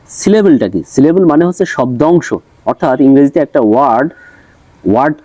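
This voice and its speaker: A man with a Bengali accent teaching an English textbook lesson, reading English lines slowly and then explaining them. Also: mid-range voice, warm tone, no echo.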